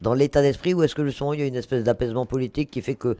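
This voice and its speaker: A male radio interviewer in a studio who asks brisk, pointed questions and often cuts in. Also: medium pitch, fairly even intonation, warm tone, no room sound.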